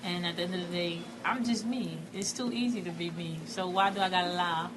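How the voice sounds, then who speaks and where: Woman, 20s, confident and direct interview subject, slightly low voice, music bed. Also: fairly even intonation, a little fast, background noise. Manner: frank, self-assured. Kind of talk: documentary interview.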